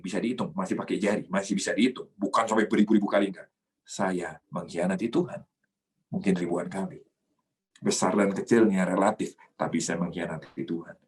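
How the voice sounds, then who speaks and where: A male pastor preaching a sermon, animated, leaping up in pitch when he acts out the people he quotes. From Indonesia.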